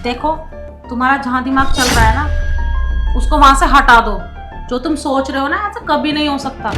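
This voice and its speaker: A woman's voice: sits high, echoey room, natural voice. An actress playing a young tenant who pleads and argues with her landlord over late rent. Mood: firm. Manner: pleading, defensive, explanatory. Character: struggling young female tenant, pleading but firm. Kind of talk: low-budget comedy film acting.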